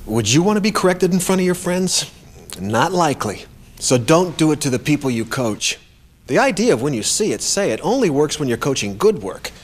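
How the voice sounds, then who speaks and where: A man's voice: fairly high pitch, big pitch swings, brisk. A man presenting a workplace coaching lesson in a conversational, emphatic scripted narration.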